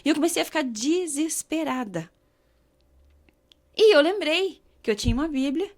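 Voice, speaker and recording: A woman from Brazil earnestly telling a personal faith testimony, slowing down when she reads scripture aloud. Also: high-pitched, animated. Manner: earnest, emotional storytelling, slows to read scripture. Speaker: guest sharing her testimony.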